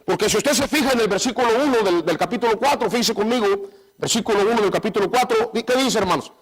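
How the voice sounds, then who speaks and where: A man preaching in a church with a notably high voice. He keeps calling for amens and calling his listeners brothers. His delivery jumps between loud, raised lines and quiet, low asides. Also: fast talker, husky, poor audio. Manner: call-and-response, repeating "¿cuántos dicen amén?" and "hermanos"; restarts and repeats phrases often. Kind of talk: sermon.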